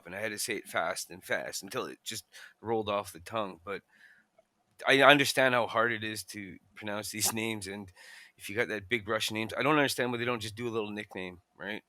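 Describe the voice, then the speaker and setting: A man's voice: fairly low pitch, a little fast, bright, forceful tone, no echo. A man co-hosting a casual chat, loose and joking, with some cursing. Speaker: co-host.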